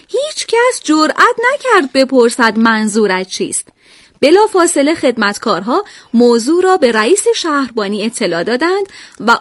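A woman's voice: sits high, dry recording. A woman narrating historical anecdotes in a scripted radio program.

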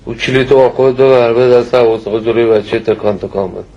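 A man's voice: mid-range voice, fairly even intonation, dark tone, highs cut off, close to an everyday voice. An actor in a TV drama playing a man who teases and nags, firing off mocking questions. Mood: teasing. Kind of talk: TV drama dialogue.

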